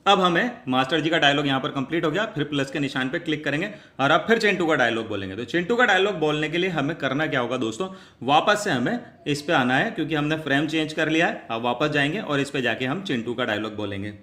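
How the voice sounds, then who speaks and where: A man walks viewers through a screen tutorial one step at a time, explaining each click patiently and calling them his friends. His voice is bright and slightly high. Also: animated, quick pace, hardly any pauses. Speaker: tutorial host. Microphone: wearing earphones.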